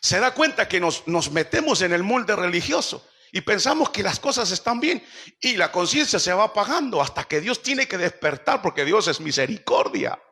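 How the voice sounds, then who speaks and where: A man's voice: high voice, sing-song, moderate pace, bright, forceful tone, husky. A man pastor preaching a sermon, firing rhetorical questions at the congregation and acting out quoted speech. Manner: acts out quoted speech in shifting voices. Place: church service.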